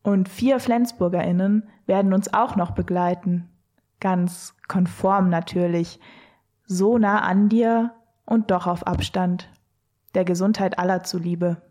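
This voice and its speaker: A woman narrates an audio walk in a soft, mellow voice. She takes her time, letting each poetic line settle. The delivery is scripted and dreamy. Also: fairly low pitch, steady tone, a little slow.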